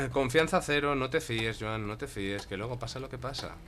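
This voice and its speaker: A man's voice: mid-range voice, normal speed, a bit bright, a little hiss or hum. Chatty Spanish gamer man. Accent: Spain Spanish. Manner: chatty, talks to himself and his cat. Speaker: gaming YouTuber. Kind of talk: casual gameplay commentary.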